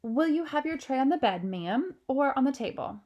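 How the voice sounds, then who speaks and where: A woman's voice: high voice, lively intonation, normal speed, darkish tone, dull audio, voice pushed up. A woman doing a stammering nervous maid. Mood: nervous, deferential. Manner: stammering, deferential. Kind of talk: storybook read-aloud.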